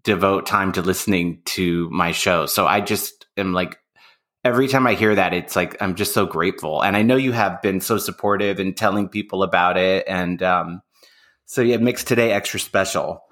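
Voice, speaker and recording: A podcast host who works as a makeup artist reads out a guest introduction, then slides into a loose, conversational interview full of filler words. His voice is deep and fairly bright, at a moderate pace.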